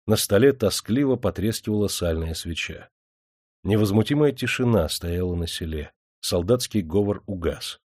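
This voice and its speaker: A man narrating an audiobook in a steady, even storytelling manner. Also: low-pitched, moderate pace, dry recording, clean studio sound. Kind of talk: scripted narration.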